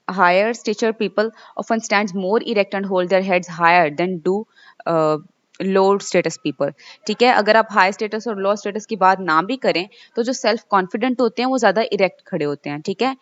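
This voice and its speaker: A woman giving a recorded lecture. She reads English passages slowly, then explains them loosely, often checking with "okay?". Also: mid-range voice, no room sound. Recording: dull lo-fi dry recording.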